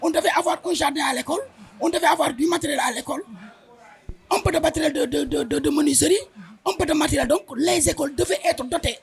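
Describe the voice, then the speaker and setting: A man's voice: very high-pitched, quick pace, creaky. A man with a Senegalese accent, a school head, explaining teaching methods step by step in an emphatic, repetitive way. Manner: emphatic, stepwise explaining, often repeats words. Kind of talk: explanatory interview answers.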